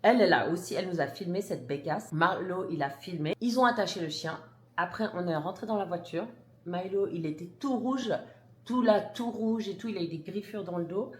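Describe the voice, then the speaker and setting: A woman's voice: lowish voice, fairly quick, a little mellow. A mother vlogging to camera, telling a story emphatically and indignantly, with restarts and blunt words. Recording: roomy echo.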